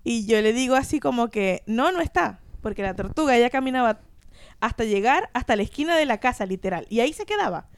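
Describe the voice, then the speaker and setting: A woman tells a story in casual chat and acts out each quoted line. Her voice is clear and slightly high. It is recorded close and dry. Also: animated, quick pace, no echo. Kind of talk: casual storytelling among friends.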